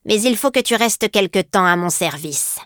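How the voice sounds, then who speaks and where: Brief: menacing old storybook witch, played by a woman, growled threats, loud. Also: mid-range voice, expressive, normal speed, dry recording, studio quality, close to an everyday voice. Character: old child-eating forest witch, gruff and menacing.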